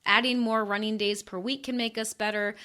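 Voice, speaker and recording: A woman's voice: medium pitch, flat delivery, fairly quick, bright, forceful tone. Casual woman co-host, earnest and encouraging, chatty with lots of fillers. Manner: earnest, encouraging, frequent "like" and "yeah". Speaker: podcast co-host. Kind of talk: casual chat.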